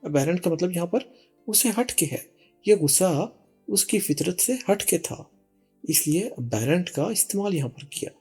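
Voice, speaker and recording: A teacher giving a bilingual vocabulary lesson, reading English example sentences slowly, then translating and repeating them. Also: medium pitch, animated, a little mellow, slightly rough, faint music behind.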